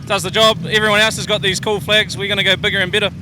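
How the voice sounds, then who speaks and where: A man's voice: high-pitched, level tone, very fast. A man with a New Zealand accent, a team manager giving confident, jokey answers in a casual interview. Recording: outdoor speedway with engine noise.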